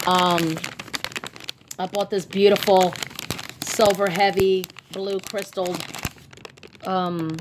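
A vlogger with a medium-pitched, darkish voice chats casually through a haul video, gushing over her bargain finds with lots of ums. She records on a phone held in her own hand off camera, and there's slight background noise.

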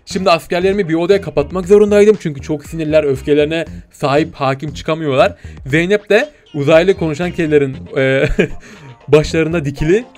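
A man hosting a game parody video in character as a commander, bossy and excitable, barking orders and chatting in slang. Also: a little high, brisk. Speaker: gaming video host.

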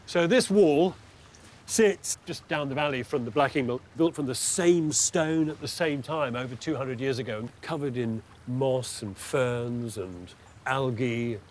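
A man's voice: mid-range voice, measured pace, a little hiss or hum. A man in his sixties presenting a home-renovation documentary, narrating and chatting on site with wry, enthusiastic exclamations. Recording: music bed under narration.

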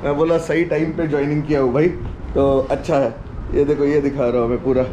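A man in his forties vlogs his day to an action camera held at arm's length, chatting, laughing, and slipping in English phrases as he moves from home to outdoors at night. His voice is a little high and dark in tone, with a level delivery at a fairly quick pace. There's slight background noise.

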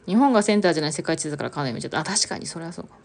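A young woman chats casually through a live stream, reading viewer comments aloud and laughing often. Her voice is lively and slightly husky, and it swings up and down a lot. Faint music plays underneath. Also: low voice, very fast.

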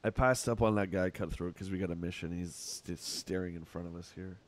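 With a low voice, fairly even intonation and a quick-ish pace, a middle-aged Canadian man chats with viewers while streaming a game from home. There's a bit of background noise as he rambles on and responds to chat.

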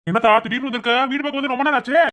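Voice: sits high, fairly even intonation, rapid-fire. A voice actor playing a patient old grandfather in a cartoon, with a Madurai Tamil accent. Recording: loud background noise.

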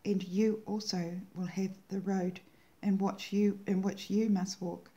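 Mellow-voiced woman sharing a devotional message. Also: medium pitch, flat delivery, dull audio. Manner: earnest and reverent, slows down to savor quoted words. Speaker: channel host sharing prophetic words.

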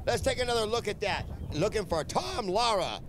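A man's voice: high voice, lively intonation, normal speed. A man giving live play-by-play American football commentary in an emphatic way, repeating his phrases. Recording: outdoor field with loud crowd behind. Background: crowd and outdoor field noise.

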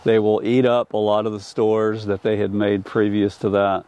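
A man's voice: on the low side, completely flat delivery, normal speed, dark tone, smooth, highs cut off. An older man and commercial beekeeper from North Carolina, explaining his methods outdoors in a plain, practical way with frequent restarts, on a lapel mic. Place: outdoors in an apiary.

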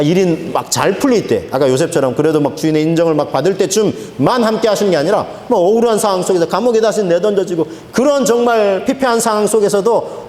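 Guy pastor preaching in a big echoey church, bit high voice, faint hiss under it, really punches his words. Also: darkish tone. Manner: emphatic, acts out quoted speech with swings in pitch. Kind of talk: sermon. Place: church sanctuary.

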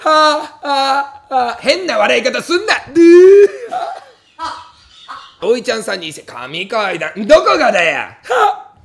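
A man with a high, gravelly voice reads out viewer comments on a livestream. He swings his pitch widely and snaps back at each one with angry comic outbursts, cracking up in loud laughs along the way. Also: sing-song, unhurried. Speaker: comedian streamer. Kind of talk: livestream chat reading with comic rants.

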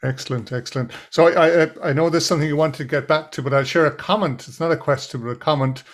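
A man's voice: a little high, fast talker. A man hosting an online seminar over a video call, upbeat as he reads out audience comments and asks the guest questions. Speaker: seminar host.

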